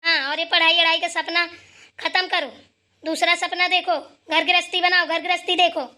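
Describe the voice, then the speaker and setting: A woman voicing a sharp-tongued, scolding old mother-in-law in a cartoon, taunting and sarcastic. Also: very high voice, flat delivery, normal speed, heavily acted. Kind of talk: cartoon voice acting.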